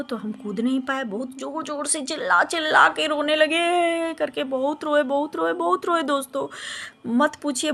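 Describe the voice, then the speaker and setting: A woman casually telling a childhood story to her viewers in a chatty, animated way. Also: high-pitched. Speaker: vlogger.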